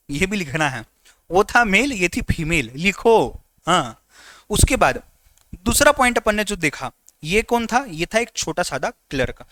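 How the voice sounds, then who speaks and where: A man teaching a live online lecture in a lively, teasing way, often repeating his instructions. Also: high-pitched, no echo.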